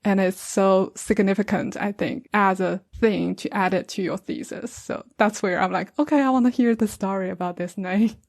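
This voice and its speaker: A woman's voice: mid-range voice, steady tone, moderate pace, creaky, few pauses, a little mellow, no room sound. Woman host, first language Chinese, curious and chatty, dry sound. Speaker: podcast host. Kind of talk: casual interview chat.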